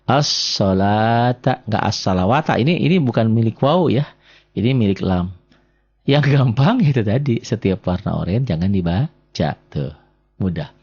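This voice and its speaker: A man teaching Quran recitation rules, patiently repeating each rule and sounding out example words slowly. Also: on the low side, animated, dark tone, husky, dull audio. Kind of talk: classroom lesson.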